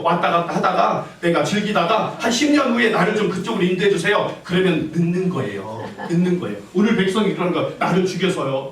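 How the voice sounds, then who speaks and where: Pastor guy preaching to his church, fairly high voice, big echo, sounds far from the mic. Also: a bit bright. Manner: call-and-response preaching, asking the congregation questions. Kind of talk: sermon. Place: church sanctuary. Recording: echoey church hall, voice from afar.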